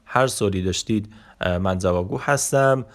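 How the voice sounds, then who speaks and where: Deep-voiced man teaching vocabulary slowly. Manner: slow deliberate repetition of each word, then quick asides. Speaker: Turkish language teacher. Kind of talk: vocabulary lesson, reading words aloud.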